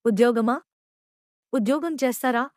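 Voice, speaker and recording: A woman's voice: fairly high pitch, moderate pace, a little mellow, no room sound, studio quality, natural voice. A woman voicing a flustered young man. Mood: startled. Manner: anxious, pleading. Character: flustered young man, worried family friend.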